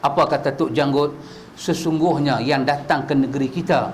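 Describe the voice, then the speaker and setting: A male preacher, giving a religious lecture full of rhetorical questions that climb from low asides to high shouted peaks. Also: steady tone, normal speed, a little hiss or hum. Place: mosque prayer hall.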